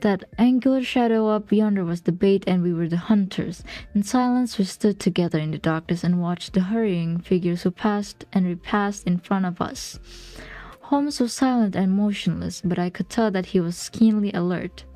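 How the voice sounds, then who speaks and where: A woman's voice: mid-range voice, moderate pace, warm tone. A young woman from Indonesia, reading a novel aloud on a livestream, sometimes stumbling over words and correcting herself. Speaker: streamer.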